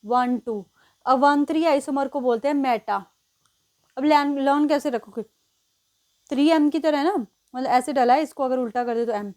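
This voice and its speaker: A woman with a high, slightly mellow voice teaches chemistry at a board in an exam-prep lesson. She explains step by step, counts positions aloud, and frequently checks in with "ठीक है".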